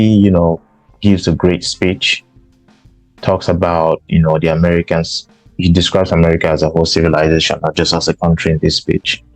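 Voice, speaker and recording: Deep-voiced man, emphatic. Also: darkish tone, no room sound, rough recording. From Cameroon. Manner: emphatic, repeats himself for stress. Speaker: podcast host. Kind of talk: political commentary monologue.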